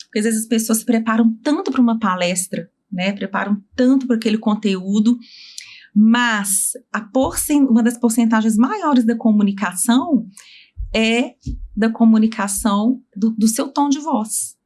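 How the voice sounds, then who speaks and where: A woman's voice: a little high, normal speed, darkish tone. A woman speech therapist being interviewed, earnestly explaining her work with examples and quoted dialogue.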